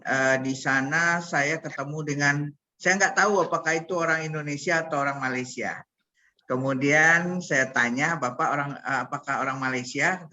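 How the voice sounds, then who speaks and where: A man's voice: medium pitch, bright, forceful tone. A man giving an online workshop talk over a video call, hesitant, with frequent fillers. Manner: hesitant, many fillers, addresses audience as Bapak dan Ibu. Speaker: speaker presenting on literature review.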